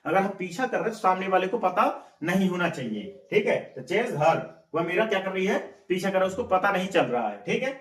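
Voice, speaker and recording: A man with a high voice teaches a spoken English lesson, repeating each word and quizzing his listeners again and again. He sounds set back from the microphone in an echoey room. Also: big pitch swings, brisk, hardly any pauses. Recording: echoey room, mic at a distance.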